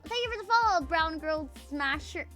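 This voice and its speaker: A young woman, a VTuber, streams with soft music behind her, her very high voice bright, pushed and animated at a normal pace. She chats casually and reads chat aloud, rambling and swearing, loaded with fillers and sentences she abandons halfway.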